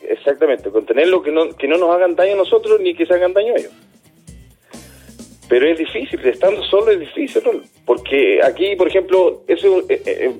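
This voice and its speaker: A man, a dismissed youth care worker, answering in a radio interview in an earnest, halting way, often repeating words. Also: on the high side, mellow, husky.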